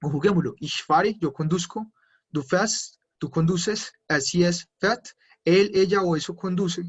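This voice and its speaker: Husky-voiced man teaching German. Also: sits high, a little slow. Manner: explains step by step, switching between Spanish and German drills. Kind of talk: online class explanation.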